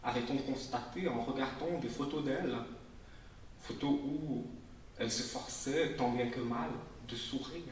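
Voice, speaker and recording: A man, the author, reading his own prose aloud in a measured, subdued way. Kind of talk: literary reading. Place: public reading in a literary venue. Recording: very echoey room, voice from far off, faint rumble.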